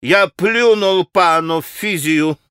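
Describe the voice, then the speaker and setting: Man doing a pompous Polish gentleman. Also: high voice, slow, clean tone, no echo, clean studio sound, voice pushed up, heavily acted. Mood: pompous indignant. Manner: pompous, haughty, indignant. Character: proud touchy Polish gentleman suitor.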